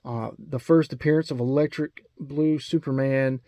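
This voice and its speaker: A man's voice: mid-range voice, fairly even intonation, moderate pace, mellow, no room sound. A man with an Alabama accent talks casually about his comic book collection, rambling with lots of ums and restarts. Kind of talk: casual video chat.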